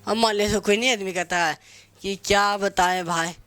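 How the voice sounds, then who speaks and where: A man's voice: high voice, steady tone, normal speed, bright, forceful tone, clean tone, no room sound. A young man teaching English grammar in Hindi, spelling out words letter by letter and asking his own questions before answering them. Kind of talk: Hindi-medium grammar lesson.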